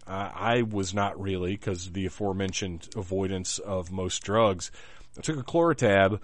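A podcast host with a voice on the low side, a bit nasal and scratchy from a cold, chats casually in a rambling, self-deprecating way. The recording is dry.

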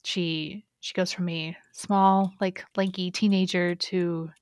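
A woman's voice: fairly low pitch, little pitch movement, slow, no echo. A young woman co-hosting a gaming podcast in casual, rambling, enthusiastic chat. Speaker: podcast co-host.

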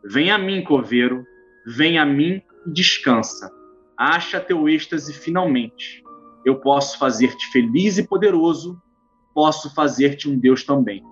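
A seductive spirit of the grave calls out low and slow, coaxing and intimate, as a man reading his book puts her on. The voice is husky and sits a little below the reader's usual pitch. The sound is dull and lo-fi, with faint music underneath. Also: lively intonation, full character voice.

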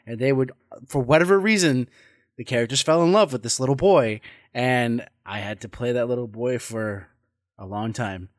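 A man's voice: mid-range voice, moderate pace, no echo. Male host and game master, conversational and reflective, recorded dry. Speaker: podcast host and dungeon master. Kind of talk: casual conversation.

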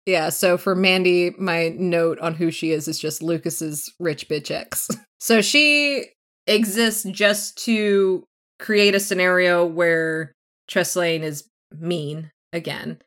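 Woman, somewhat low voice, casual podcast chat, book recap, animated, quotes characters. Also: slow pace. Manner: animated retelling, acting out characters' lines with laughs. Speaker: podcast co-host.

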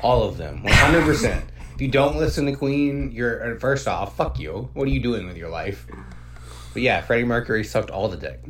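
With lively intonation and a somewhat bright mid-range voice, a man hosts a comedic, casual podcast at normal speed. He's opinionated, slangy and profane, and a noticeable hum runs under the noisy recording.

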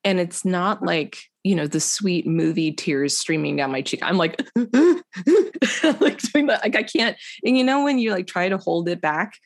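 A woman with a low, deep voice, telling a personal story in an easy, chatty way. She jumps into other people's voices as she quotes them. The sound is dry and close, with no room echo. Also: a little slow. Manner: animated storyteller acting out quotes. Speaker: guest. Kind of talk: casual testimony conversation.

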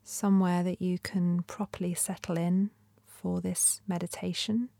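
Female meditation guide, lowish creaky voice, soft and breathy, soothing and unhurried. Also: little pitch movement, no room sound. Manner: gentle, soothing, unhurried instruction with long pauses.

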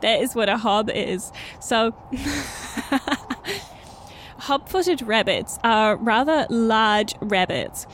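A woman's voice: fairly high pitch, very slow, fairly bright tone, slight background noise. A woman playing along in improvised group storytelling, with a giggly, mock-earnest manner. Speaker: co-player in an improvised storytelling show.

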